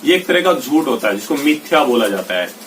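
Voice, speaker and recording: A male teacher giving a spoken grammar lesson, slowly reading out English example sentences one by one. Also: mid-range voice, big pitch swings, fairly bright tone, recorded from a distance, slight background noise. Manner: explains slowly, reads English examples out deliberately. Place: indoors with rain heard outside. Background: rain.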